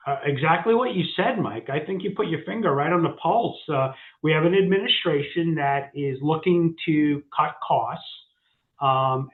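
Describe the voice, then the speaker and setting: A man with a fairly high voice talks through market sectors in a casual, halting way, full of fillers and restarts. He sounds thin and phone-like, with a roomy echo around him. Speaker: co-host, financial advisor.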